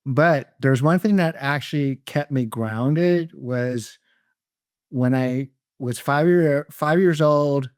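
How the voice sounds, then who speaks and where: Middle-aged guy telling his life story, smooth clear voice, calm and reflective, dry close sound. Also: mid-range voice, takes it slowly, no room sound. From Canada, raised in California. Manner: calm, reflective, laughs lightly. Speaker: guest entrepreneur. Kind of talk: casual interview storytelling.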